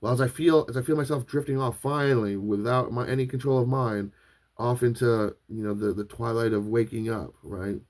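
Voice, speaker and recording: A man's voice: medium pitch, steady tone, brisk, darkish tone. A man hosting a podcast, telling a long personal story in a loose, rambling way with frequent restarts and filler words. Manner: rambling, restarts often, many fillers like "like" and "right". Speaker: podcast host. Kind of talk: casual storytelling monologue.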